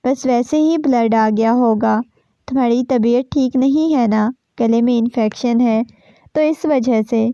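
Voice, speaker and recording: A tender young husband reassures his wife in soothing tones in a storybook romance, voiced by a woman narrator. The voice is mellow and a little high. The recording is dull and dry. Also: no echo, natural voice. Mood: reassuring. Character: young husband, tender, protective, quietly grieving.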